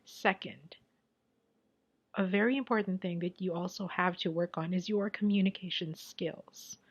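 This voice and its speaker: Talking at normal speed in a lowish voice, this Tagalog-speaking tarot reader from the Philippines offers casual advice. She stresses points by repeating phrases and frequently sinks to almost a whisper, heard through a muffled recording.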